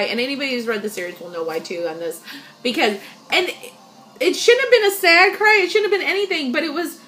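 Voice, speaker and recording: Middle-aged woman host, slightly high, frank and emphatic in a casual chat. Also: a bit bright, a little hiss or hum. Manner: emphatic, frank, laughs often.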